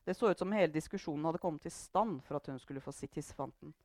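A woman reading a novel aloud in measured narration. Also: low voice, a little mellow, dry recording, clean studio sound. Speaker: reader. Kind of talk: book reading.

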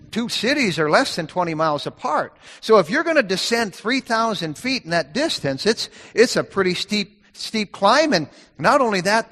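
A man preaching an expository sermon, folksy and animated, acting out the voices he quotes. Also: high-pitched, in a large hall.

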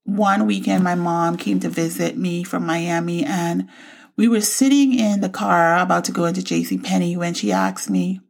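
A woman in her forties from the Bahamas hosts her own show and tells her personal story of faith. Her voice sits a touch low and has a gravelly edge. She speaks in a reflective, heartfelt way. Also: steady tone, moderate pace, darkish tone. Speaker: podcast host.

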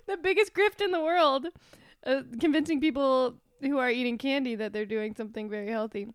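A woman's voice: sits high, a little fast, smooth, no room sound. A woman co-hosting a casual comedy podcast, giggling often as she talks. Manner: giggly, laughs often while talking. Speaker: podcast co-host.

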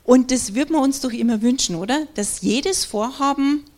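A woman's voice: sits high, normal speed, a little mellow. A woman preaching a sermon, praying and reading scripture in an earnest, conversational way with rhetorical questions.

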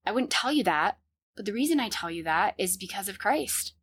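A woman's voice: medium pitch, lively intonation, a little fast, fairly bright tone, breathy edge, dry recording, studio quality. A woman in her thirties hosting a podcast, telling her personal story in a candid, earnest way and laughing often. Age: 30s. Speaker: podcast host.

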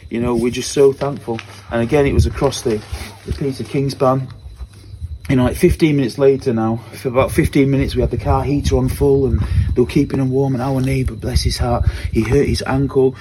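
A man's voice: mid-range voice, background noise. A man giving a spoken personal testimony at church, telling it earnestly and repeating phrases as he goes.

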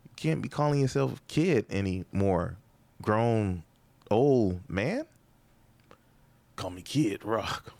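Low gravelly-voiced guy doing a rambling comedy podcast rant, sarcastic, dry close sound. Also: lively intonation, measured pace, darkish tone, no room sound. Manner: rambling, sarcastic asides, rhetorical questions.

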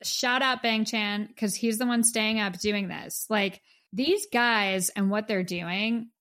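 A woman's voice: medium pitch, steady tone, slow, fairly bright tone. A woman co-hosting a music podcast, chatting enthusiastically and gushing about a song. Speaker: podcast co-host. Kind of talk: casual music review chat.

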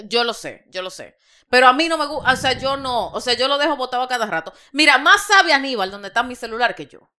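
A woman's voice: sits high, lively intonation, fast talker, pushed and bright. A young woman co-hosting a podcast in casual chat, laughing often and swearing freely. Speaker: podcast co-host.

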